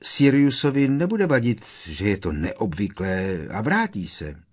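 A man's voice: on the low side, big pitch swings, pitched above the performer's own voice. A man voicing an agitated teenage boy wizard who presses with urgent, pleading questions in an audiobook. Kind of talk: audiobook character reading.

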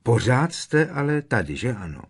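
A man's voice: lowish voice, big pitch swings, breathy edge. A man voicing an agitated teenage boy wizard who presses with urgent, pleading questions in an audiobook. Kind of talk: audiobook character reading.

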